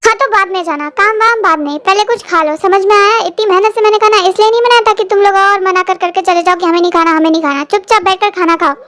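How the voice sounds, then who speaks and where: A very high-voiced reader playing a bossy young woman who scolds the household. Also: steady tone, fast talker, hardly any pauses, sharp tone, no echo.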